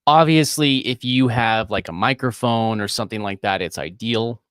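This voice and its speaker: A man's voice: mid-range voice, normal speed, fairly bright tone, clean tone, no echo, clean studio sound. A man hosting a live screen-share editing tutorial, talking casually and rambling with frequent chuckles. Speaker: host.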